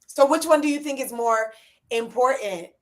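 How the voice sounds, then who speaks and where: A woman's voice: high voice, expressive, normal speed. A woman guest in a live church discussion, thoughtful and a little hesitant as she frames her questions. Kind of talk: casual discussion on church worship.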